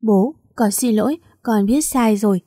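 A woman's voice: on the high side, a little slow, dark tone, breathy edge, dry recording, studio quality. A woman reading the part of a remorseful young daughter, sobbing and pleading with her father.

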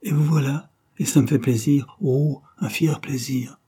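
A man's voice: mid-range voice, fairly even intonation, a little slow, dark tone, husky, voice pushed up. A man reading as an eager young painter. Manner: effusive, exclamatory. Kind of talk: audiobook character reading.

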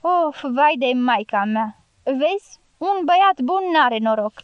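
A woman's voice: high voice, animated, clear, resonant tone, dry recording, dull audio. A woman reading an audiobook voices a cheerful, fawning male guerrilla hunter who exclaims and wheedles. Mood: lamenting.

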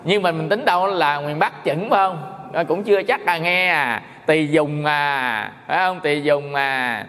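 A man's voice: on the high side, moderate pace, a bit bright, in a large hall. A man giving a casual dharma talk as a Buddhist monk, chatty, repeating words and checking with listeners.

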